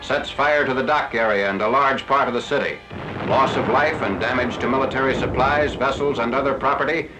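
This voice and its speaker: A man giving scripted narration for an old 1940s newsreel, in a crisp, formal announcer delivery. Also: mid-range voice, a little fast, music in the background. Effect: old 1940s newsreel recording. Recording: lo-fi archival newsreel audio.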